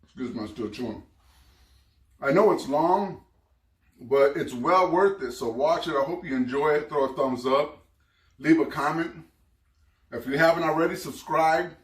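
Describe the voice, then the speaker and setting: A man's voice: on the high side, normal speed. A man hosting his own cooking vlog, chatting casually and eating as he talks. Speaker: cooking vlogger. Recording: roomy sound, mic at a distance.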